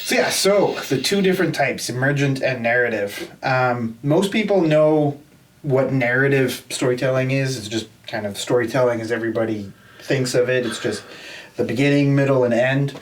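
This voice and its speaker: Older male co-host, relaxed and rambling; medium-pitched, mic a little distant. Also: moderate pace. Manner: laid-back, rambling, laughs easily. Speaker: podcast co-host. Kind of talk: casual chat.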